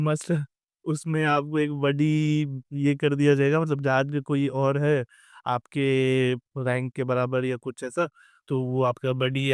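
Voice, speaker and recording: Chatty young man with a smooth voice. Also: a little high, dry recording, clean studio sound. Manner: chatty, keeps adding "theek hai" and "matlab". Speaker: merchant navy officer sharing advice. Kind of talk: casual storytelling vlog.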